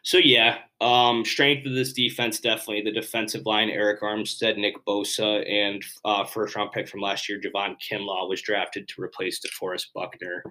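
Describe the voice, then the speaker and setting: A man's voice: on the low side, flat delivery, moderate pace, few pauses, bright, forceful tone, low-quality recording. A man hosting a solo sports podcast, running through a rundown in a rambling, offhand way with plenty of fillers. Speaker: podcast host.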